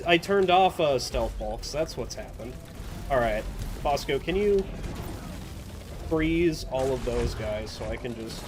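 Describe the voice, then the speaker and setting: A man's voice: a little high, slight background noise. A man giving casual, rambling commentary over his own gameplay, chatty and self-mocking, often tripping over his words.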